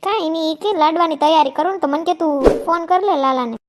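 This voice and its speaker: Very high-pitched chirpy woman. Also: quick pace, noisy background. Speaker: friend in a comedy sketch. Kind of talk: scripted comic village chat.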